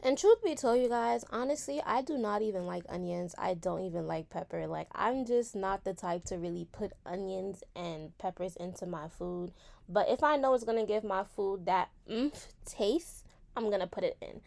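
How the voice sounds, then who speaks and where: A woman's voice: mid-range voice, normal speed, gravelly, a little mellow. Chatty teenage girl narrating her cooking. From New York. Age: late teens. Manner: chatty, repeats words for emphasis, addresses viewers. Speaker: home cook vlogger. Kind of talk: casual cooking voice-over.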